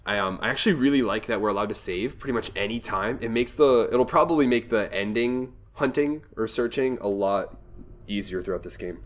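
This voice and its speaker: Speaking fairly fast in a lowish voice, this young let's play host sounds a bit nasal because he has a cold. He keeps up casual commentary on the game, chatting, musing out loud, and reading on-screen text as he goes.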